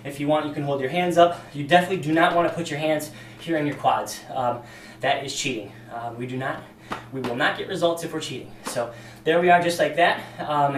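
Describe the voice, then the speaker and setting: Demonstrating exercises with a casual fitness-instructor manner, a man speaks in a somewhat high, fairly bright voice, using lots of ums and sounding mildly winded. Because he's far from the camera mic, the room echoes and some faint background noise comes through.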